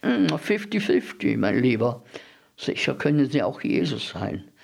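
A man's voice: mid-range voice, big pitch swings, unhurried, gravelly, heavily acted. A man voicing an eager, bookish man who lectures insistently in a story reading. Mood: lecturing. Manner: didactic, insistent, repeats questions.

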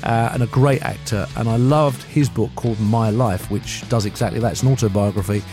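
A man's voice: mid-range voice, a little fast. Man over guitar music. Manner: relaxed, warm praise with fillers. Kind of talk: book recommendation for school radio.

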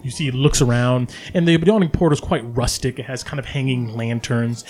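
A man narrating as game master in a relaxed, descriptive way with frequent fillers. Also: mid-range voice, a little fast.

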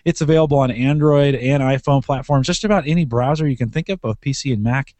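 A man's voice: mid-range voice, fast, a little mellow, no room sound. A man hosting a podcast in a casual, conversational style. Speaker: podcast host.

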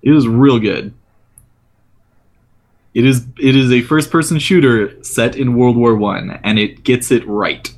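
A young man from Rhode Island co-hosting a gaming podcast, earnest and halting, often restarting his sentences. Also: medium pitch. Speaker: podcast co-host and web developer. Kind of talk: casual podcast chat.

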